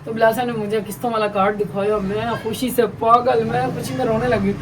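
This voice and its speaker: Fast-talking woman vlogger, distant and noisy. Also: fairly high pitch, little pitch movement. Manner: chatty, emotional, fillers like "है ना". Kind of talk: casual storytelling to viewers. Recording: distant mic with background noise.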